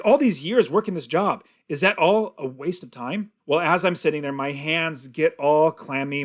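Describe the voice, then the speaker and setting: A middle-aged man with a fairly high voice tells a personal story straight to his listeners. He talks earnestly and vividly, leaning hard on key words. He speaks as the host of his own show. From California.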